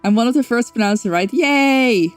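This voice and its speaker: A woman with a Dutch accent, from the Netherlands, keeps up rambling, filler-heavy chat as she streams a game. Her voice is a little high and smooth, with lively intonation at a fairly quick pace, no echo, and soft music underneath.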